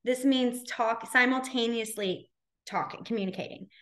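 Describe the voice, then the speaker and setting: A young woman giving an informal sign language lesson, signing while speaking in halting phrases on a video call. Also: on the high side, fairly bright tone. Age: young adult. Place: small room at home, video call. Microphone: computer video-call mic.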